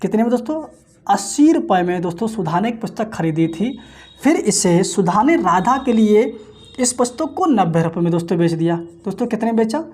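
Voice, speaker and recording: Chatty Hindi-speaking maths teacher drilling sums. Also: male voice, high voice, expressive, darkish tone. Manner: fills nearly every phrase with "friends", repeats questions and answers them himself; works sums aloud in quick times-table chants. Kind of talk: exam-prep maths lecture.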